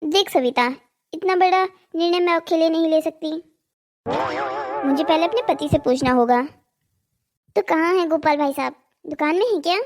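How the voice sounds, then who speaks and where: A woman's voice: very high voice, normal speed, long pauses, darkish tone. A woman voicing a wealthy, condescending village wife in a cartoon drama. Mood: teasing. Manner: teasing, condescending.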